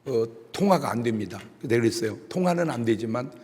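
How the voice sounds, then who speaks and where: A middle-aged man pastor giving a humorous sermon, telling stories and acting out shouted voices. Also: mid-range voice, fast talker, breathy edge. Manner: animated storytelling with jokes and shouted imitations. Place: church sanctuary. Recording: long reverb of a church hall.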